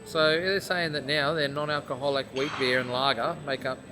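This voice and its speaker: A man's voice: fairly high pitch, moderate pace, over music. A man with an Australian accent co-hosting a podcast in an easygoing, colloquial, conversational way. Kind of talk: casual podcast chat.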